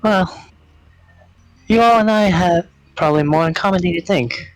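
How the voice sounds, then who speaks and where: A man voicing a composed woman fighter in a tabletop game, measured, wry and politely threatening. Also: sits high, poor audio. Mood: wry menace. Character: composed, menacing woman sword-and-musket fighter. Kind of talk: tabletop role-play.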